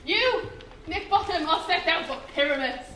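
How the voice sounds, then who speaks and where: A woman's voice: very high voice, moderate pace, full character voice. A woman playing a fussy flustered play director. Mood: bossy. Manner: bossy, excitable, laughs between lines. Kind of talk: stage play performance. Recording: echoey hall with background noise.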